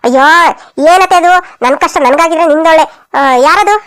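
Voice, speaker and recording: A woman's voice: extremely high pitch, fairly quick. A woman voicing several quarrelsome village women in a cartoon comedy, scolding and wailing dramatically.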